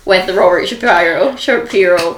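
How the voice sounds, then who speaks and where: A woman's voice: lowish voice, normal speed, echoey room, background noise. A woman co-hosting a podcast, chatting casually and laughing often as she recaps a reality show. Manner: laughs often, acts out quotes. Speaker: podcast co-host.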